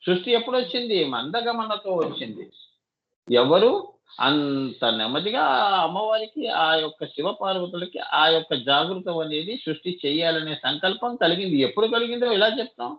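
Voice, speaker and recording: High-voiced spiritual teacher. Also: male voice, lively intonation, moderate pace, muffled recording. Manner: asks listeners rhetorical questions, addresses them as child. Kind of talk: devotional discourse.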